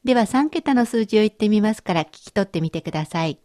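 A Japanese woman teaching a radio language lesson, explaining patiently and clearly. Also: mid-range voice, lively intonation, fast, dark tone.

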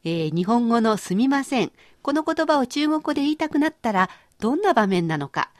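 A woman hosting a radio language lesson, explaining phrases clearly and chatting with her co-teacher. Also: a little high, very animated, fairly quick, no room sound, studio quality. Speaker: language course host.

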